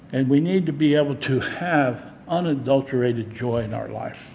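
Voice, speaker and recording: A man's voice: mid-range voice, warm tone, a little hiss or hum. A male pastor preaching a sermon in a folksy, humorous storytelling manner.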